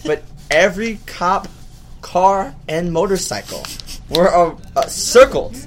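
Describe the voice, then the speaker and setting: A man's voice: high voice, expressive, slow pace, slight background noise. A man from Miami, co-hosting a podcast and telling funny stories in casual chat, laughing as he talks. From Miami, Florida. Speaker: podcast co-host.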